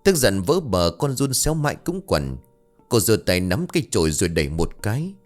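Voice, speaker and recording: A man narrating a scripted horror story in an expressive storyteller voice. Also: on the low side, a little fast, faint music behind.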